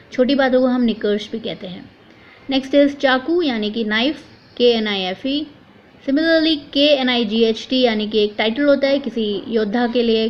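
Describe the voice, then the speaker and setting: A woman teaching English vocabulary, spelling words out letter by letter and repeating the correct pronunciation. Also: fairly high pitch. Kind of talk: vocabulary lesson. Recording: dull lo-fi recording.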